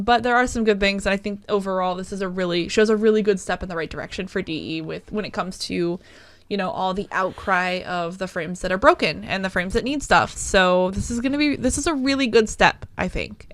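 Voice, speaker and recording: A woman co-hosting a casual podcast, upbeat and agreeable, quick to back up her partner. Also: mid-range voice, a bit bright, dry recording. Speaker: podcast co-host.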